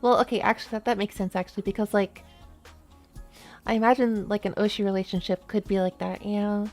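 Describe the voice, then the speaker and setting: A woman's voice: medium pitch, level tone, a little fast, darkish tone, soft background music. A woman streaming a game, talking casually and rambling with lots of fillers. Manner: chatty, rambling, many "like" fillers. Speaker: VTuber streamer. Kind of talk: casual chat while playing a game.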